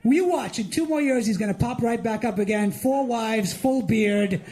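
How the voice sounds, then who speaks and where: A middle-aged man from India performing an animated stand-up set as host of a live comedy benefit show. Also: very high-pitched, normal speed, slight background noise. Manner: animated, mocking, with lively acted-out asides.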